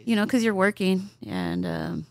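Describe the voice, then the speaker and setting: A woman guesting on a podcast as a musician, telling candid, relaxed stories in casual chat. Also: mid-range voice, normal speed, gravelly, dry recording, studio quality.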